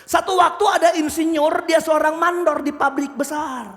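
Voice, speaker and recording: A man preaching a sermon, acting out the characters in his stories with loud, animated shouts and asking the congregation questions. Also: very high-pitched, moderate pace. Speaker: pastor. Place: church. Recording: church hall reverb.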